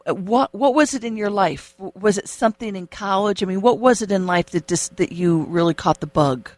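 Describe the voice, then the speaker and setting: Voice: medium pitch, fairly quick, dry recording. An interviewer asking curious follow-up questions. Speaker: radio interviewer.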